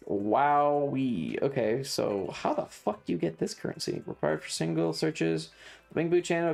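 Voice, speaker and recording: A variety streamer chats casually during a gaming livestream, tossing out foul-mouthed slang and playful exclamations. The voice is mid-range and a little mellow, with vocal fry.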